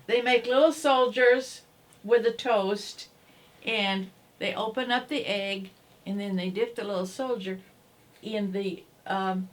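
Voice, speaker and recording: A woman's voice: mid-range voice, steady tone, slow. A woman co-hosting a casual radio talk show, eagerly sharing trivia facts and asking her partners to share her delight. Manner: shares trivia eagerly, asks "isn't that interesting?".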